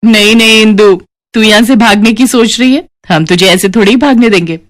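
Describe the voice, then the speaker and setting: A woman's voice: a little high, fairly quick, lightly acted. A woman voicing scheming female gambling friends in a cartoon story, coaxing and cajoling.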